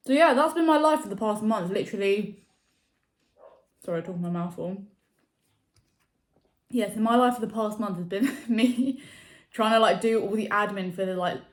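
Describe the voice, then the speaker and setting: A young adult woman chats casually to camera, rambling and full of fillers. Her mid-range voice rings off an echoey room. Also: medium pitch. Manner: chatty, rambling, many fillers. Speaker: vlogger.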